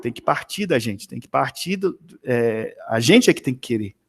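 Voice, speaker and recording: A man tutoring math one-on-one over a video call, chatting in an animated, storytelling way with many tag questions. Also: medium pitch, normal speed, vocal fry.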